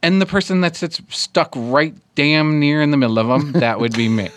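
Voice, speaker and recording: A man's voice: on the high side, moderate pace, fairly bright tone, dry recording. Male podcast co-host, dry close sound. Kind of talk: casual chat with teasing banter.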